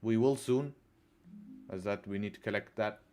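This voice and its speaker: Faint music plays behind a mellow, lowish male voice at normal speed. He's an Englishman hosting a live trading stream, chatting casually, repeating phrases, and fielding questions from chat.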